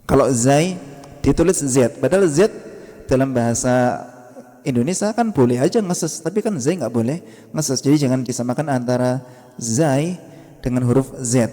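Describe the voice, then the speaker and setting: A man teaching a Quran recitation class in a mosque, patiently drilling sounds slowly and quizzing his students. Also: medium pitch, mellow. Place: mosque hall. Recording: long hall reverb.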